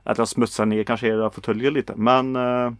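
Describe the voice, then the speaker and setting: A man from Sweden in casual film chat on a podcast, relaxed and hesitant, with many fillers. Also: mid-range voice, clean tone, dry recording, studio quality. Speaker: podcast co-host.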